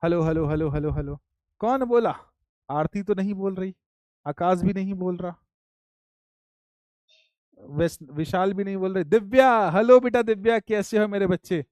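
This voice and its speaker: A man's voice: sits high, a little slow, long pauses, a little mellow, clean tone, dry recording. A male teacher, teasing his students playfully and calling out their names on an online class video call.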